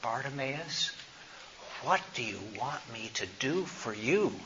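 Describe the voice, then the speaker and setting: A man voicing a calm, gentle male healer who speaks in a soft, measured way. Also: medium pitch. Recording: slightly dull recording, faint noise.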